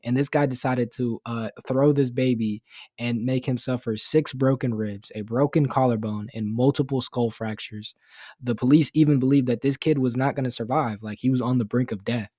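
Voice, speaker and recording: A man's voice: medium pitch, steady tone, moderate pace, dark tone, no echo, lo-fi sound. A young man giving casual commentary on a news story, rambling with lots of fillers, swearing and sounding indignant. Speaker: YouTube commentator.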